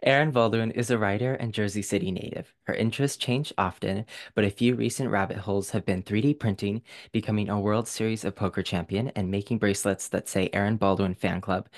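A man hosting a book podcast in an enthusiastic, joking, hype-filled way. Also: lowish voice. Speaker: podcast host. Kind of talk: upbeat podcast interview.

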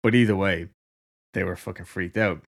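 A podcast co-host with an Irish accent tells his partner a casual story, laughing a lot and swearing freely. He speaks at a moderate pace in a low voice.

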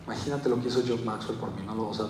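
A man's voice: on the low side, fast talker, noisy background. A young Mexican man with a Mexican Spanish accent giving a motivational talk, telling a story and acting out quotes with animation. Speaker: motivational speaker. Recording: echoey hall from far off.

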